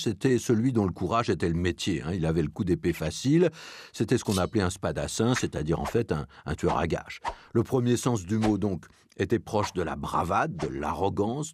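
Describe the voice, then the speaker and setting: Man, language columnist, low voice, animated delivery, faint background noise. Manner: expressive explanatory delivery. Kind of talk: scripted word-origin commentary.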